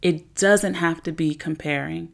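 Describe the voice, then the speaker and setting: Earnest woman, slightly low voice. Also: steady tone, a little slow, creaky. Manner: earnest, conversational, acts out inner voices. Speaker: podcast host. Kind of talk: casual self-help talk.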